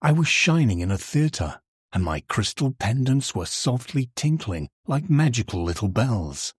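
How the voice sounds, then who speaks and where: A man voicing a vain, dreamy young female table lamp in a storybook reading, sleepy and coquettish, with a husky voice. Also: medium pitch, big pitch swings, a little slow, no room sound, studio quality, voice pushed up, full character voice.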